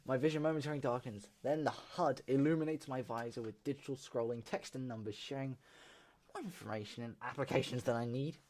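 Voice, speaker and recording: A man hosting a let's play, reading a visual novel aloud in an animated way. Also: medium pitch, a little hiss or hum. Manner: animated reading, laughs and shouts at tense moments.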